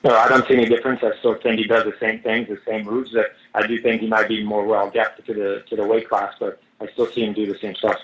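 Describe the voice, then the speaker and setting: Interpreter, male, bright forceful tone, speakerphone sound, dull lo-fi line. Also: fairly low pitch, level tone, fast, hardly any pauses, slight background noise. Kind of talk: first-person interpreting on a press call.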